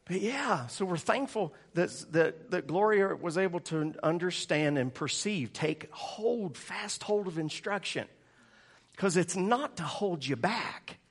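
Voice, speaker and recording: A man preaches a lively sermon, breaking into laughter as he tells funny stories. His voice sits a little high for a man, and he keeps a loose, joking tone with the congregation. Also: creaky, husky. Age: 40s. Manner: joking, storytelling, laughing often. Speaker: pastor.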